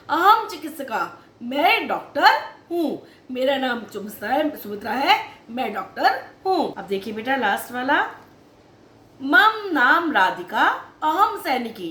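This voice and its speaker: A woman teaching a children's class with a high, bright, very lively voice that rises and falls in a sing-song teaching cadence. She stretches each word out slowly and gives its meaning, then hurries through short asides. The recording sounds echoey, as if made in a bare room. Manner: addresses students as beta, repeats each word slowly with its meaning. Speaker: Sanskrit teacher. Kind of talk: online lesson explaining a textbook chapter.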